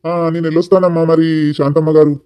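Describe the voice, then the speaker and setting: A man's voice: a little high, no echo, highs cut off, lightly acted. A man playing a genial village priest who arranges a wedding and offers formal blessings. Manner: monotone, fast, formal blessings.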